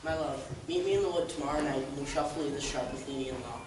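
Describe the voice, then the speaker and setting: A man's voice: mid-range voice, fast, noisy background, natural voice. A man playing an earnest young lover in a stage play, reciting his verse from far off in an echoey hall.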